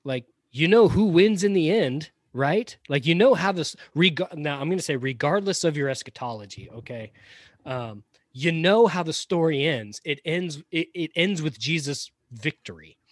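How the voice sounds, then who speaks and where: Raised in Georgia after being born in Florida, this Southern-accented man co-hosts a podcast with a fairly high, expressive voice at a moderate pace. His talk is loose and opinionated, full of restarts and side comments, recorded cleanly in a studio with no room sound.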